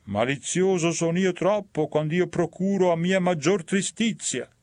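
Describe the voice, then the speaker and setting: A man's voice: a little high, sing-song, a little slow, no echo, studio quality, voice pushed up. A man voicing a crafty, frightened male sinner in a dramatic verse reading, with a raised, eager and tense delivery. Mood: sly.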